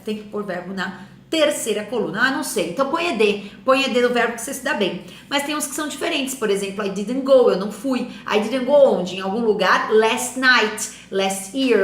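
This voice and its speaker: A Brazilian woman with a Brazilian Portuguese accent, an English teacher giving an animated, emphatic lesson and slowing down to model English phrases. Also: on the high side, reverberant. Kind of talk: lively classroom explanation.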